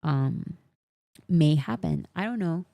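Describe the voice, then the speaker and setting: A K-pop fan vlogger whose first language is Spanish chats casually to camera, mock-serious and laughing often. Her low, warm, creaky voice is animated but unhurried, and the recording has no echo.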